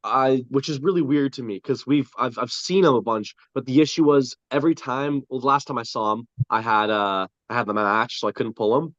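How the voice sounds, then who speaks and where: A young man, a podcast guest, talking things through in a relaxed, casual chat. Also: medium pitch, fairly quick, hardly any pauses, dry recording, lo-fi sound. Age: young adult.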